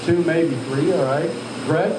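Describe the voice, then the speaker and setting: A man's voice: fairly high pitch, a little slow. A man giving live hands-on instruction to trainees, directing them and quizzing them as he checks on them. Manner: directive, questioning, addresses trainees as sir. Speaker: altitude chamber instructor. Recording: echoey, distant mic, loud machinery hum.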